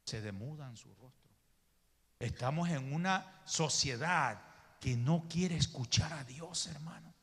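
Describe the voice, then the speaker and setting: In a church sanctuary with a big-room sound, a male pastor preaches emphatically, calling listeners "brother" and acting out the people in his stories. His voice is a little high, slightly bright and husky, at a measured pace.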